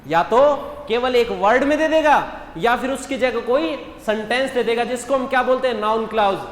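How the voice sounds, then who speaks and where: A man's voice: very high voice, moderate pace. A male English teacher going over mock test answers in a classroom, constantly putting questions to the class and answering them himself. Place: classroom with students. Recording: echoey hall with faint background hum.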